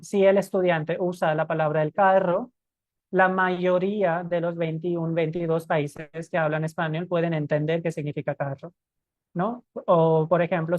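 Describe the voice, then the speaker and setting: Woman, lower voice, dry close sound, live-stream lesson, emphatic explaining. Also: darkish tone, no room sound. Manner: explanatory, emphatic, self-correcting. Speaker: Spanish teacher trainer.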